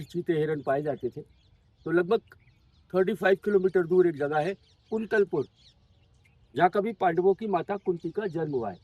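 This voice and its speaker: Outdoors at a monument, a tour guide patiently tells a group about local history, sprinkling in English words and numbers. His voice is a little high, darkish and slightly rough, with no room sound.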